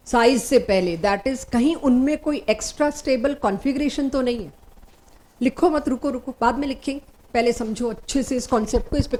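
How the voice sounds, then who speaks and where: A woman teaching chemistry in a recorded class, explaining step by step and giving firm, brisk instructions to her students. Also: a little high, a little mellow. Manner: explains step by step, mixing Hindi and English terms. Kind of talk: recorded online lecture.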